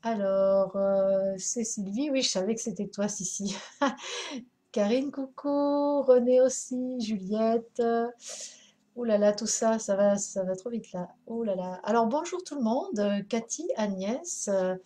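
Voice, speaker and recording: A woman's voice: a little high, slow pace, warm tone. A woman hosting a craft live stream, chatting casually, greeting viewers by name with many hesitations.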